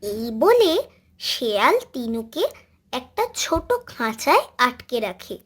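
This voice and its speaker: A woman narrating a children's cartoon story in an expressive way. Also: fairly high pitch, slow, slightly rough. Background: background music.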